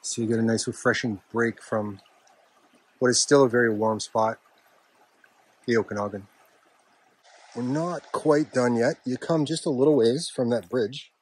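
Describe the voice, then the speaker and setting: A man with a slightly husky voice gives casual, unhurried, offhand narration to his camera while walking a trail outdoors. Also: medium pitch, steady tone. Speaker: hiking vlogger. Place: outdoors on a park trail with a stream nearby.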